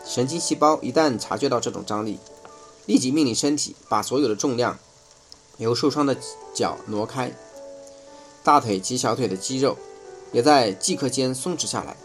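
A man reading a first-person nonfiction book aloud in a measured, explanatory way. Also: medium pitch, faint music behind. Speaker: audiobook reader.

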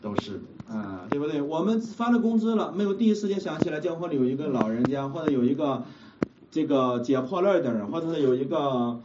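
A man preaches at a quick clip with a lively, swooping voice, questioning the congregation again and again and breaking into laughter. He is picked up from a distance in a church hall, and the sound is muffled, with clear background noise. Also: a little high. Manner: keeps asking the congregation questions and laughs often. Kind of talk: sermon with call-and-response. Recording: muffled, distant, noisy room recording.

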